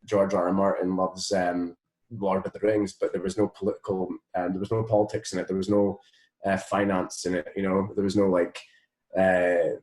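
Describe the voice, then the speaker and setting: Speaking low and level at a moderate pace, this Scottish musician and voice actor has a darkish tone. He's a relaxed interview guest who rambles along appreciatively, dropping "you know" often, in an echoing, roomy space.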